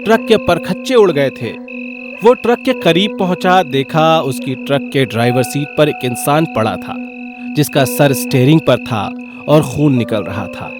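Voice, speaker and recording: Brief: male storyteller, animated and wry, slightly high voice, soft music behind. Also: a little slow. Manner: lively, wry comic narration. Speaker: narrator. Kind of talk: scripted storytelling narration.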